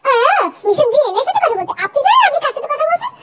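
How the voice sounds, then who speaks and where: A woman voicing a bossy young wife who answers angry phone calls with sharp, sassy comebacks, in a comic fan dub. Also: extremely high pitch, sing-song, racing, a little hiss or hum, exaggerated voice, low-quality recording. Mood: indignant.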